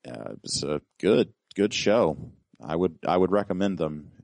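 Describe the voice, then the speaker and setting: Deep, rambling man on a dry mic. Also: expressive, normal speed, gravelly, darkish tone, no room sound. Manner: rambling, repeats words when starting. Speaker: podcast co-host. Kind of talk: casual chat.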